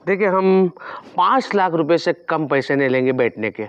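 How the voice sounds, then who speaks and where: A man's voice: fairly high pitch, lively intonation, normal speed, a bit bright, clean tone, no echo, dull audio. An actor playing a scheming small-town man who haggles over his political support in a TV sitcom, speaking rustic village Hindi. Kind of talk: TV sitcom acting.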